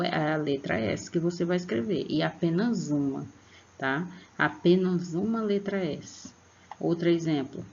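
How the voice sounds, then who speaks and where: Brazilian online teacher, patient, gravelly voice, slow clear examples, lo-fi recording. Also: medium pitch, a little mellow, slight background noise. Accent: Brazilian Portuguese. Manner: patient, checks in with "tá?" after each point; spells out example words slowly. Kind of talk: online spelling lesson. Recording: dull lo-fi recording.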